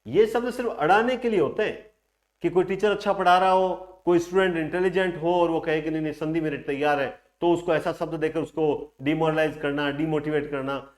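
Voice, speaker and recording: A man's voice: fairly high pitch, brisk. A man teaching a grammar class online, explaining step by step and answering his own questions aloud.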